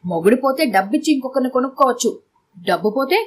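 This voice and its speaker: A woman's voice: high voice, expressive, fast. A woman narrator voicing a stubborn, shrewd, money-minded wife. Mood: stubborn firm.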